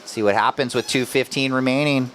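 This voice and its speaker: A man's voice: medium pitch, steady tone, a little fast, a bit bright, slight background noise. A man doing live surf contest commentary, calling scores and priorities in a laid-back, casual surfer way with slang.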